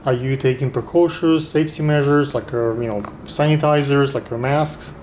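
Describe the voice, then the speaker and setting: The host of this casual interview is a man whose medium-pitched, darkish voice holds a steady tone at a moderate pace. He tends toward long, rambling questions, repeatedly cutting himself off to restart. The recording has echo and faint noise.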